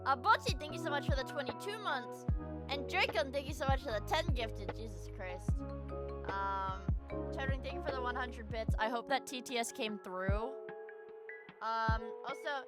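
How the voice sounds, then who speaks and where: A woman's voice: sits high, moderate pace, loud music behind the voice. A young woman livestreamer chatting casually with her viewers in a cute anime-streamer manner, gushing and swearing freely.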